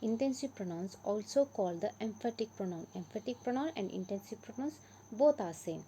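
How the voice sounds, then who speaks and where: A woman with an Indian English accent teaches a grammar lesson in a patient, repeating way, pressing hard on the key words of each example. Her voice is mellow and warm, sitting at an ordinary pitch for a woman. A faint hum runs under the recording. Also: lively intonation, brisk, poor audio.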